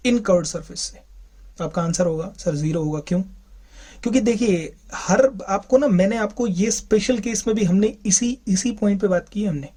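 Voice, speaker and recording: A man's voice: high voice, moderate pace, dark tone, breathy edge. A man teaching a physics class, asking his students questions and then answering them himself. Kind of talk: classroom lecture.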